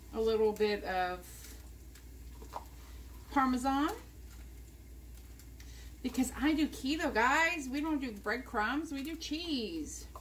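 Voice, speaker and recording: This is a US woman with a somewhat high, slightly bright voice, casually guiding viewers through a cooking demonstration at home. She's chatty and explains each step as she goes. A camera over the counter captures it, with a little hiss or hum in the background.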